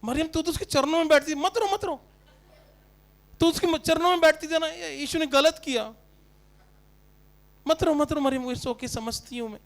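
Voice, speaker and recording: A man voicing a fussy woman mourner who repeats soft, hushed words of comfort to grieving sisters. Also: extremely high pitch, normal speed, long pauses. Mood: fussy consoling. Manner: soft, hushed, repetitive soothing.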